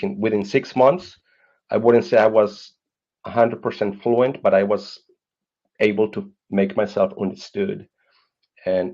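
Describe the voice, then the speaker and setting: Earnestly telling his life story on a podcast, a Colombian man in his thirties with a Colombian Spanish accent often repeats words while he looks for them. His voice is on the low side and a little mellow, and the audio is dull and lo-fi.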